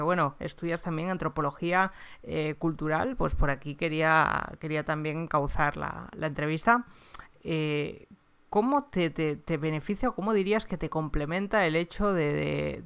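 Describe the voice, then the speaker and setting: Gravelly, smooth-voiced woman host. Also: low-pitched. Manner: chatty, many fillers and restarts. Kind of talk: casual interview chat.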